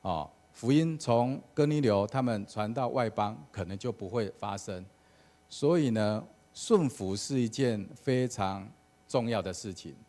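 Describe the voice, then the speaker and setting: A man's voice: on the low side, animated, measured pace, dark tone. A man, a church elder giving a casual sermon with an anecdote at a prayer meeting. He talks conversationally and often starts phrases with "好" and "哦".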